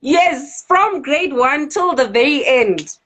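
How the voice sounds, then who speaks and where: A Zimbabwean woman in her thirties, who works as a club DJ, chats casually as an interview guest. Her voice sits high, and she's animated and quick to laugh.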